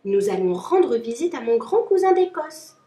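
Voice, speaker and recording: A woman's voice: a little high, big pitch swings, normal speed, mellow, distant mic. A cheerful little mole invites her friends along in a friendly way, as a woman reads her. Storybook reading in an echoey room.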